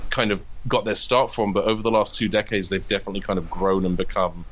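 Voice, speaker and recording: Speaking quickly at a fairly low pitch with little melodic movement, a man who writes comedy and creates audio dramas talks about his work as an interview guest. He's chatty and wry, wandering off into asides. Originally from abroad, he immigrated in 2007, and the recording is low quality.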